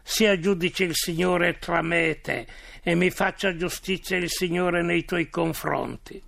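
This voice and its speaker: A man reading aloud as a young fugitive who speaks to his king in a solemn, earnest plea, with the voice lifted a little above his usual talk. The tone is heavily gravelly and the sound is very dry and close. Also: high-pitched, steady tone, unhurried, fairly bright tone, no echo, full character voice. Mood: earnest pleading. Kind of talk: scripture reading.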